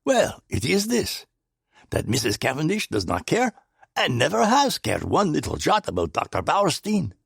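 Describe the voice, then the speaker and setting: A man's voice: on the high side, normal speed, creaky, breathy edge, no room sound, studio quality, voice pushed up, full character voice. A man doing Poirot, a placid, raised-voice Belgian sleuth. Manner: calm, amused, precise, drops French phrases. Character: shrewd, placid older Belgian male detective. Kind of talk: audiobook character voice.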